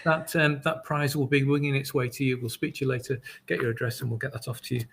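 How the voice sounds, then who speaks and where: A man hosting a webinar casually, halting and friendly with many fillers. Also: mid-range voice, flat delivery, gravelly, background noise. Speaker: webinar host.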